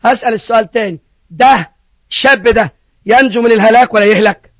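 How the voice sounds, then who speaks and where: A man's voice: high-pitched, quick pace, no room sound, muffled recording. A man with an Egyptian accent preaching a sermon, telling a story and questioning his listeners. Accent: Egyptian Arabic. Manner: animated storytelling, questions to the congregation.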